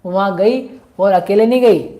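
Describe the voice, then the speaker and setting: A woman's voice: medium pitch, a little slow, warm tone. A woman teaching a scripture lesson, explaining a story and chanting verses in between.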